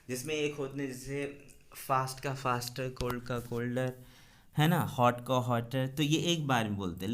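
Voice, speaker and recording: A male English teacher with an Indian accent walks his students through a textbook lesson. He moves back and forth between Hindi and English and repeats word forms slowly and patiently. His voice sits at an ordinary middle pitch.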